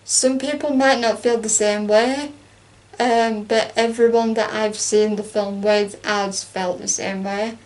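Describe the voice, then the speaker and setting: A young woman, a co-host, chats casually about a film she watched in a medium-pitched, unhurried voice. She's chatty and animated, acting out lines from it and laughing as she goes.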